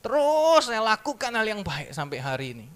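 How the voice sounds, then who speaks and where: A man giving a sermon testimony in church, telling his story in a lively way and acting out the dialogue. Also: sits high, normal speed. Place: church service.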